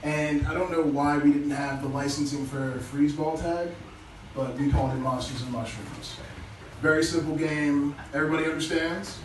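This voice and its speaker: A man doing a crude, casual stand-up set, chuckling at his own punchlines. His voice sits a little high for a man and comes through low-quality stream audio. He sounds far from the mic in a very echoey club, with plain hiss underneath. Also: fairly even intonation, moderate pace. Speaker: stand-up comedian. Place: small comedy club stage.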